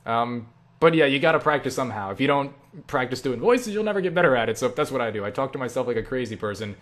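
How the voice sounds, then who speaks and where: This young adult talks fast at a medium pitch while tackling viewer questions online. He rambles casually, makes fun of himself, and acts out quotes in animated asides.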